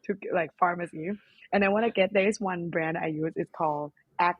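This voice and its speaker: A woman's voice: fairly low pitch, fairly even intonation, brisk, slightly rough, dry recording, phone-quality sound. A young woman from Thailand with a Thai accent, co-hosting a casual podcast chat, talking chattily with lots of fillers and frequent laughs. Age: young adult. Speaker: podcast co-host.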